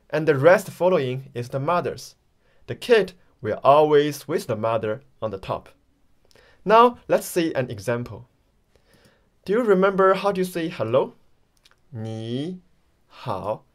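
A man teaching Mandarin pronunciation in an online lesson, friendly and encouraging, speaking slightly non-native English and drilling sounds slowly for learners to repeat. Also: medium pitch.

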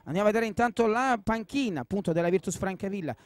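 A man giving excited live football commentary, repeating names and phrases. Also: sits high, fast, dry recording.

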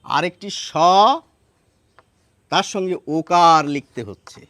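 A man teaching a lesson, explaining step by step and repeating words slowly to show how they sound. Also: a little high, fairly bright tone, no room sound. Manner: explains step by step, asks rhetorical questions.

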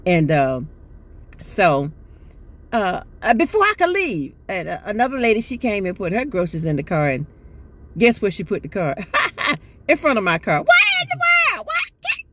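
Filming a selfie vlog in her parked car with the phone at arm's length, an older woman chats, laughing a lot and sounding exasperated. Her mid-range voice swoops wildly in pitch at a moderate pace, with a fairly bright tone over slight background noise.

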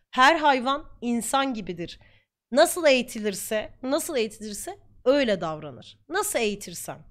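A woman's voice: high voice, fairly bright tone. A young woman streamer talking casually to her viewers, heated and ranting at times. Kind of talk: casual chat.

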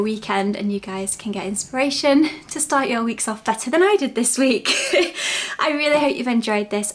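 A woman chatting casually to camera as a home and lifestyle vlogger, soft and friendly. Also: medium pitch. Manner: soft, chatty, sometimes whispering. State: out of breath. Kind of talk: casual vlog chat to camera.

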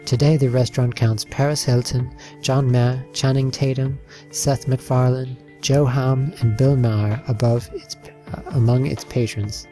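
A man reads a slideshow narration at a middle pitch. His tone is warm and mellow, and his delivery is an even, listing read with the occasional slip. Soft background music plays underneath. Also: unhurried.

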